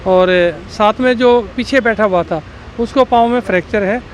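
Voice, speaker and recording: A man recounting the accident to a reporter outdoors. He speaks haltingly with many pauses and fillers. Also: sits high, slight background noise. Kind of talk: street interview.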